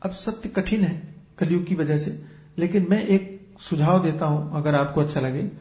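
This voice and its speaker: A man's voice: fairly high pitch, normal speed, a little mellow, reverberant, dull audio. A man who is a spiritual teacher, giving a discourse and explaining with everyday examples and rhetorical questions.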